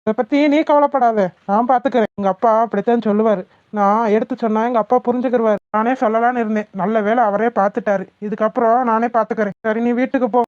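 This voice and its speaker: A woman voicing a gentle, reassuring young village man in love in a cartoon, with a Thoothukudi Tamil accent. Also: fairly high pitch, steady tone, fast, no room sound, lo-fi sound, lightly acted. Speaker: voice actor in a cartoon. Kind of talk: cartoon voice acting.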